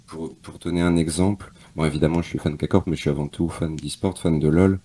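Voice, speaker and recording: Very deep, suave-voiced man. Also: steady tone, a little fast, warm tone. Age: adult, past his teens. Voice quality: deep, suave, smooth low voice. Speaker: esports fan calling in. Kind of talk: casual chat.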